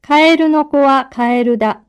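A woman's voice: sits high, normal speed. A woman reads pronunciation-drill material as a model speaker, dictating each item carefully on its own. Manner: dictating isolated syllables, words and sentences carefully. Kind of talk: scripted pronunciation-drill reading.

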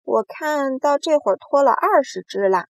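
A woman voicing a polite, curious small boy in a storybook reading, soft-spoken. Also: sits high, lively intonation, moderate pace, no room sound, studio quality, pitched above the performer's own voice.

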